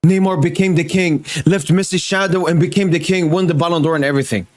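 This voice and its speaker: A man's voice: on the high side, steady tone, quick pace. A man in his early twenties reading out a football ranking, heated and swearing often in casual chat. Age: 20s. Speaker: podcast co-host reading the list.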